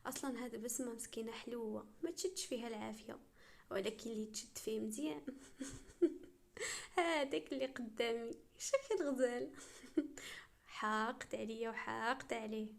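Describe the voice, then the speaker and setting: Lively Moroccan woman storyteller. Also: fairly high pitch, moderate pace, vocal fry, long pauses. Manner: lively, playful, drops to whispered asides. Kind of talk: first-person storytelling with acted dialogue.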